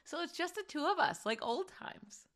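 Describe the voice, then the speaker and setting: A woman hosting a sports podcast in casual chat, slightly hoarse, talking quickly with lots of "like" fillers. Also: extremely high pitch, sing-song, a bit bright. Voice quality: chatty, quick, many "like" fillers. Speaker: podcast host.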